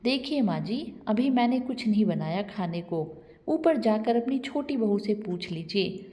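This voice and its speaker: A woman's voice: medium pitch, lively intonation, a little slow, lightly acted. A woman voicing a scolding daughter-in-law. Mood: dismissive. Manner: sharp, scolding. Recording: long reverb.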